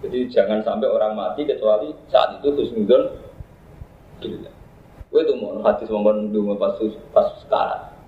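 A man's voice: on the low side, normal speed. A man with a Javanese accent giving a casual religious talk, joking and laughing often as he recites Arabic verses. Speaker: Islamic preacher. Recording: roomy, dull lo-fi recording.

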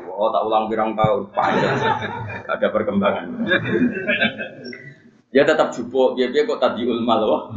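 A middle-aged man with a Javanese accent giving a humorous religious study lecture, repeating his key points and quoting Arabic. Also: fairly low pitch. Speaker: Islamic preacher. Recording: echoey, muffled lo-fi recording.

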